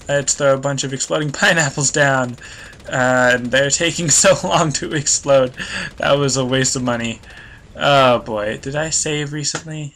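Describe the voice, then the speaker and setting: With vocal fry in a medium-pitched, slightly bright voice, a young let's play host meanders through commentary on his game, losing his thread and knocking himself. A stuffy nose and some vocal wear are audible.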